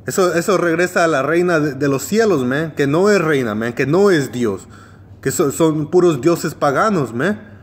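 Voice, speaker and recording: A man's voice: fairly high pitch, lively intonation, moderate pace. A man preaching informally and reading scripture, scolding his listeners, tacking "man" onto his phrases, slipping English fillers into his Spanish, hesitating and restarting often. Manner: scolding, confrontational tone. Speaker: street-style Bible preacher.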